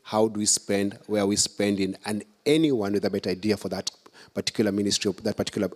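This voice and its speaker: Low-voiced Kenyan man answering questions. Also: fairly even intonation, fast talker, darkish tone. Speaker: political candidate answering audience questions. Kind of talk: public Q&A at a conference.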